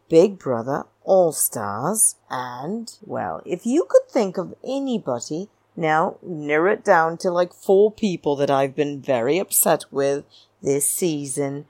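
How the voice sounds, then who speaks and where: A low-voiced woman hosts a podcast, delivering a chatty monologue recapping a reality show with blunt, opinionated takes. She speaks slowly and theatrically, drawing out key words and calling her listeners "darlings." The recording is close and dry, with no room sound.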